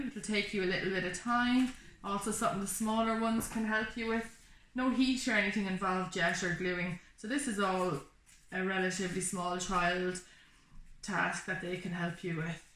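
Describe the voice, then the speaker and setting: Explaining each step in a relaxed, reassuring way, a woman leads a hands-on craft tutorial. Her medium-pitched voice is steady and a bit bright, at a moderate pace. The recording has an echoey room, background noise, and clicks.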